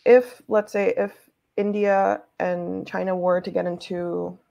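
A woman's voice: on the low side, flat delivery, unhurried, creaky, dark tone. A young woman from Bangladesh asking a question on a video call through an earphone mic. She hesitates often and fills her speech with "um" and "like.". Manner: hesitant, many fillers like "um" and "like". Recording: dull lo-fi video call audio.

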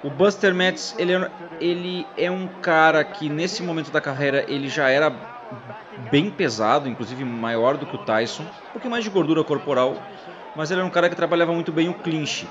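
A man with a brisk, somewhat high voice hosts and commentates casually over old fight footage, chatting and joking with his co-host. The audio is dull, with loud crowd noise from the footage behind him.

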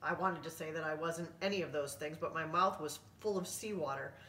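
A woman volunteer reading a picture book aloud to children, gentle and coaxing, chatting with her dog between pages. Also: low voice, fairly quick. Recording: roomy room, distant mic.

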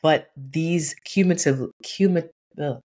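A little slow and low-voiced, this woman in her forties works as a workplace consultant and is a guest in a video-call interview. She tells her stories with earnest animation and acted-out quotes, in a home room with a painting behind.

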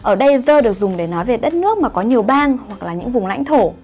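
A fairly high-voiced woman teacher walks through an English grammar point in an online lesson. She explains patiently and keeps checking in with her students. Soft music plays behind her. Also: expressive, fast. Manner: explains patiently, asks "right?" to check understanding.

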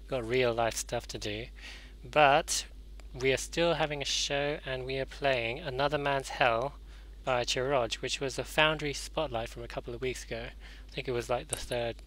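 A man's voice: medium pitch, a bit bright, a little hiss or hum, low-quality recording. A young man hosting a gaming show in casual let's-play commentary, rambling with fillers and self-corrections.

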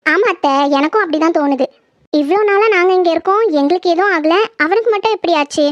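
A woman voicing a young daughter-in-law who patiently calms her grieving elders in a dramatized horror story. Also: very high-pitched, fast talker, dry recording, lo-fi sound. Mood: soothing. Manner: soothing, reassuring.

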